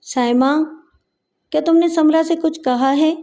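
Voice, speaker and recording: A woman's voice: high-pitched, steady tone, warm tone, voice pushed up, natural voice. A woman reading the part of a doting but stern father in a story, scolding in her own voice.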